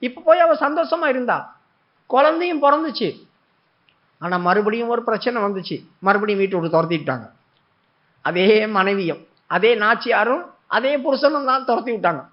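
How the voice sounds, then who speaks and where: High-voiced animated male preacher. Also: moderate pace, long pauses. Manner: animated storytelling, acting out prayers and God's words. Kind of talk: sermon. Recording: dull lo-fi recording.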